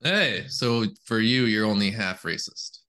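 A man's voice: fairly low pitch, expressive, measured pace, sharp tone. A man co-hosting a casual podcast, chatting informally. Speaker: podcast co-host. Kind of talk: casual chat.

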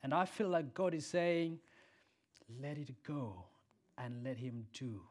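Preaching a sermon and leading a prayer, a native Swahili-speaking man talks at a slow pace with a slightly high voice and lively intonation. He alternates loud emphatic peaks with soft quiet lines.

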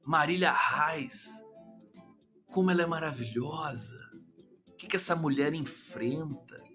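A man hosting a live stream, giving teasing, animated political commentary. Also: fairly high pitch, measured pace, soft background music.

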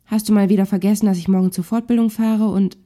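A sharp, reproachful wife in a heated domestic argument, as a woman narrator voices her. Her tone is dark and mellow, pointed and accusing, in a spoken-word story reading. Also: medium pitch, steady tone, fast, close to an everyday voice. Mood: angry. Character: angry wife in a marital spat.

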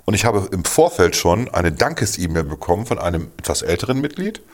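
A man with a very low voice chats casually as a podcast co-host. He chimes in with quick interjections and teasing asides. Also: big pitch swings. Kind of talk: casual chat.

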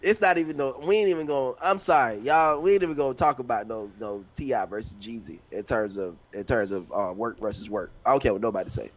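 A man co-hosting a podcast, talking in a casual, animated and exasperated way. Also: medium pitch, quick pace, hardly any pauses. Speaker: podcast co-host. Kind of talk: casual chat.

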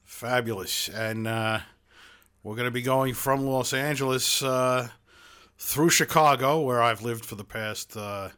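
Self-mocking Brooklyn podcast host. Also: male voice, mid-range voice, a little slow, sharp tone, clear, resonant tone. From Brooklyn, New York. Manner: self-deprecating, many "uh" fillers, chuckling. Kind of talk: casual chat.

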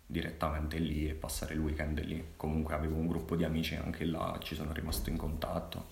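A man's voice: extremely low pitch, completely flat delivery, fairly quick, gravelly. A man in his twenties with a Molise accent, chatting casually as an interview guest. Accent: Molise, from Agnone. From Molise, Italy. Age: 20s. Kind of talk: casual chat. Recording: roomy, echoing sound.

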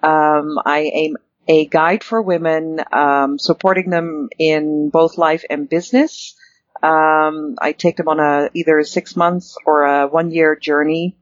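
A woman's voice: sits low, steady tone, a little slow, no room sound, highs cut off. A woman in her fifties from the Netherlands, a guest in a casual interview, talking in a rambling way with many ums and restarts. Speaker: guest, networking chapter director.

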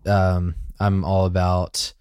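A man's voice: low voice, completely flat delivery, slow, a little mellow, clean tone, dry recording, studio quality. A man co-hosting a podcast, chatting enthusiastically about faith and songwriting. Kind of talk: casual chat.

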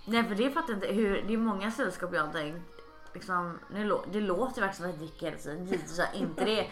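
Tipsy woman in her 30s rambling on a podcast, music playing, roomy sound. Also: on the low side. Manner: chatty, swearing, acts out voices. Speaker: podcast host. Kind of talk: casual tipsy chat.

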